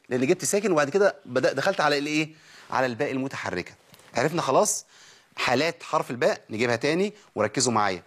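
Egyptian man, recitation teacher, quick husky delivery; asks and answers his own questions, models sounds for the class to copy. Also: mid-range voice. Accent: Egyptian Arabic. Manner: poses questions and answers them himself, models sounds for repeating. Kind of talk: recorded tajweed lesson.

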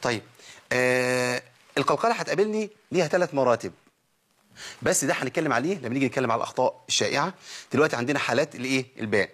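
Egyptian man, recitation teacher, quick husky delivery; asks and answers his own questions, models sounds for the class to copy. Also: medium pitch, expressive, a bit bright. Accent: Egyptian Arabic. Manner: poses questions and answers them himself, models sounds for repeating. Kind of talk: recorded tajweed lesson.

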